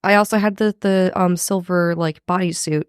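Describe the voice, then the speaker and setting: A woman co-hosting a casual recap podcast, talking informally with a creaky voice full of vocal fry. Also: on the low side, steady tone, moderate pace, no echo, clean studio sound. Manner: informal, swearing, frequent "like". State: husky from recent covid. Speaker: podcast co-host.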